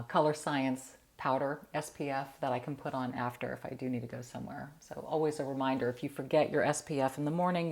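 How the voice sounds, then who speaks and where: A chatty middle-aged woman walks through a makeup tutorial in a sleepy morning voice. Her voice sits low and has a gravelly edge, and her talk is casual and self-deprecating. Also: darkish tone. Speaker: beauty vlogger.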